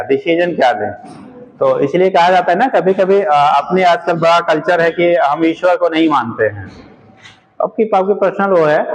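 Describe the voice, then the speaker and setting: A man's voice: a little high, low-quality recording. A male physics teacher giving a classroom lecture, addressing his students as "beta" and repeating his questions for them to answer.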